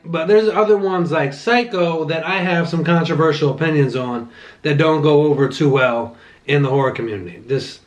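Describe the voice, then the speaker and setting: A young man hosting his own channel, chatting casually between bites as he reviews a movie, rambling and restarting his sentences. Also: a little high. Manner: rambling, relaxed, with frequent restarts and "like" fillers. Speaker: channel host reviewing movies while eating. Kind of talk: casual mukbang chat.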